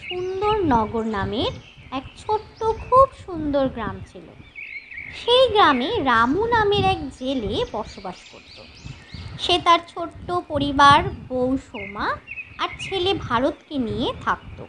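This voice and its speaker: High, lively storybook narrator woman. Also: unhurried, a little hiss or hum, low-quality recording. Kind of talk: scripted storybook narration for children.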